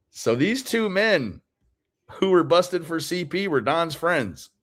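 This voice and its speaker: Guy laughing his way thru a mocking commentary, kinda high voice, swings all over. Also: very animated, takes it slowly, fairly bright tone. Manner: laughs often, teasing and sarcastic. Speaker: streamer reacting to a call.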